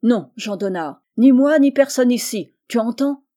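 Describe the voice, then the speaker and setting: Give me a woman playing a menacing mutinous fisherman in a storybook reading, slow and taunting. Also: mid-range voice, mellow, close to an everyday voice.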